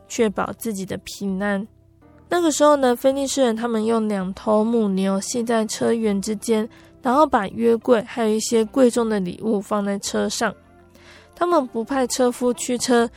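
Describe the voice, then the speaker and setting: A woman narrating a Bible story for a podcast in a gentle, unhurried storytelling manner with soft filler particles. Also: on the high side.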